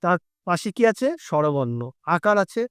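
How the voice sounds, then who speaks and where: A man with a high voice teaches a class, asking his students questions as he goes. He stretches syllables out long to demonstrate them. The recording is dry and close, with no room echo. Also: very animated, moderate pace, clear, resonant tone. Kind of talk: explaining a lesson to students.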